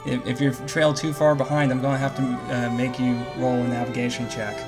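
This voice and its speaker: Male GM, easygoing narration, mid pitch, fillers. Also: flat delivery, fairly quick, music in the background. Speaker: game master. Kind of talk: narrating a tabletop game.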